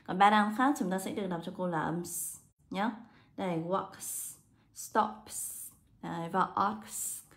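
Woman, teacher, explains step by step, repeats answers, reads English words slowly. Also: fairly low pitch, a bit bright. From Vietnam. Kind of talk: exam answer walkthrough lesson.

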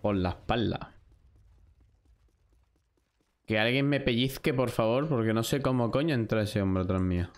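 A man's voice: mid-range voice, fairly quick. A young man from Spain streaming a shooter live, talking to himself and his chat and swearing at his losses. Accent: Spain Spanish. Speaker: gaming streamer. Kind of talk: live gameplay commentary.

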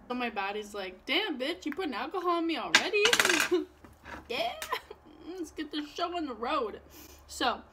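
A young woman with a high voice, giggly and drunk, chats to the camera in a brash, sweary way. Her delivery is unhurried and loose. There is noticeable noise in the homemade recording. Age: 20s. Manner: giggly, tipsy. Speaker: makeup vlogger. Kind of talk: casual chat while doing makeup. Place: small room at home, indoors. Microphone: built-in camera mic at arm's length. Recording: noisy home webcam-style recording.

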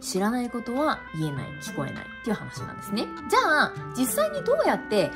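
A woman's voice: fairly high pitch, fast talker. A woman teaching pronunciation in a video lesson, emphatic and speaking straight to viewers. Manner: lively, emphatic, addresses viewers directly. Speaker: English teacher. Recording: background music under voice.

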